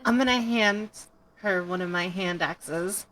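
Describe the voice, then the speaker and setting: A woman playing a tabletop game, talking in a drawn-out, playful way. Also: on the low side, a bit bright, a little hiss or hum. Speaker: player. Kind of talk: casual tabletop game chat.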